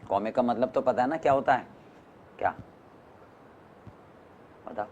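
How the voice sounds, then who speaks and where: A man's voice: medium pitch, a little slow, darkish tone, dull audio. A man teaching a class, mixing Hindi and English, often stopping to question his students. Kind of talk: classroom lecture.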